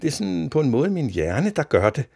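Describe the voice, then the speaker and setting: A man voicing a cheeky seven-year-old boy in a read-aloud children's story, keeping a gravelly, husky edge. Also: fairly high pitch, very animated, no echo, studio quality, voice pushed up, full character voice. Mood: eager. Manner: bright, eager, lightly raised voice.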